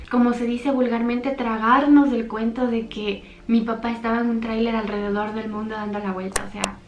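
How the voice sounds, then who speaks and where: A young woman speaks in a somewhat high voice, telling a personal story from her childhood to her viewers. Her delivery is earnest and intimate. The room gives her voice a noticeable echo. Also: darkish tone, lo-fi sound, slight background noise. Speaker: YouTuber. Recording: echoey room.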